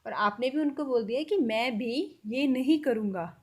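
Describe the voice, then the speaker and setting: A woman with a high voice gives a casual spoken language lesson. She repeats each example phrase slowly and deliberately, and she drops English words into her explanations. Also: a little mellow, husky. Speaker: language teacher.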